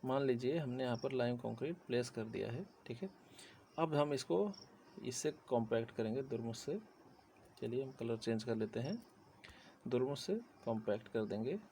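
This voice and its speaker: In a casual Hindi classroom lecture on civil engineering, a man with a sore throat speaks at normal speed in a dark, mid-range voice. He's chatty, often checks in with his listeners, and keeps repeating "theek hai." A little hiss or hum sits under the audio.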